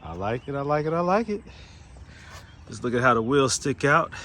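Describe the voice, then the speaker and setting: A man narrates his car work in a casual vlog. His pitch swings lively up and down, and he sounds pleased as he repeats his praise. Steady background noise sits behind his voice. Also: moderate pace. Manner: relaxed and enthusiastic, repeats praise with exclamations. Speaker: auto shop owner. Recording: noisy background.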